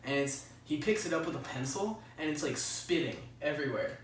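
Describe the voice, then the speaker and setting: A young man telling stories in excited bursts, swearing freely and laughing as he goes. His voice sits a bit high and carries strong room echo. He is well back from the mic, with faint hiss underneath. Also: fairly quick. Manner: excitable storyteller, swears a lot, laughs mid-sentence. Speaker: podcast host. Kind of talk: casual chat. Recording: roomy echo, far from mic, faint noise.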